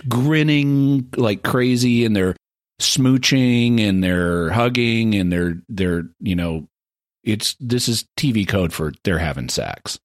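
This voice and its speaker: Lowish-voiced man explaining at length. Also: slow pace, no room sound, clean studio sound. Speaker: podcast co-host. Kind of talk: casual discussion.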